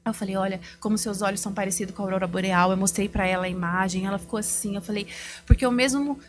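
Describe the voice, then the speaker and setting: A woman giving a heartfelt, faith-filled testimony as an image consultant on a podcast. She tells her story in a lively way and acts out the dialogue she remembers. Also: mid-range voice, racing. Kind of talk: personal testimony in a podcast interview.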